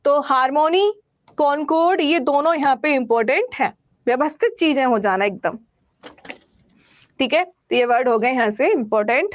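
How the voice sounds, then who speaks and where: A woman's voice: high-pitched, lively intonation, moderate pace. A woman teacher explaining vocabulary, asking questions and answering them everyday examples. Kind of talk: classroom vocabulary lesson.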